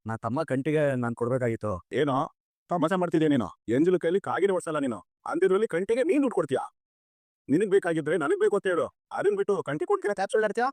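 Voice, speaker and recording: Quick-talking, evasive owner, animated and a bit high. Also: male voice, dry recording, clean studio sound. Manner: teasing, evasive. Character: stingy, evasive business owner. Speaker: owner of a taxi business. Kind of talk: TV serial acting.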